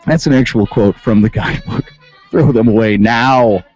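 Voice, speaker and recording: A man's voice: mid-range voice, normal speed, a little mellow. Sarcastic male radio host, muffled sound. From Western New York. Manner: sarcastic, reads rules aloud and riffs on them. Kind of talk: comedic commentary. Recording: dull lo-fi sound with faint music.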